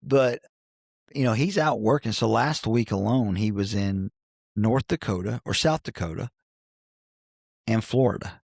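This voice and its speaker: Gravelly earnest man from Cincinnati. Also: fairly low pitch, measured pace, pauses often, a little mellow, dry recording, clean studio sound. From Cincinnati, Ohio, United States. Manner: earnest, folksy, with many restarts. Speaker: basketball coach, podcast guest. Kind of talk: reflective conversational storytelling. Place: podcast studio.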